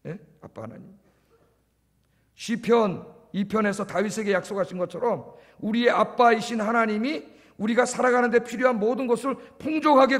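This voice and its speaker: Male pastor preaching in a church, voice sits high, keeps repeating key words, big echoey sanctuary. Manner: asks the congregation questions and answers them himself. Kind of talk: sermon.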